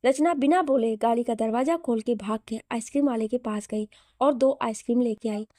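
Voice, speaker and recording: A woman reading a romantic story aloud as a steady, scripted narration. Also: on the high side, normal speed, no room sound, clean studio sound.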